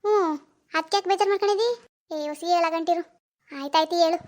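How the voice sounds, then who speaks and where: Woman doing a high-voiced village mom from a cartoon, quick, flat-toned, coaxing and firm. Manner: coaxing, scolding. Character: caring village mother, middle-aged, firm and advising. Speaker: mother. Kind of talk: animated cartoon voice acting.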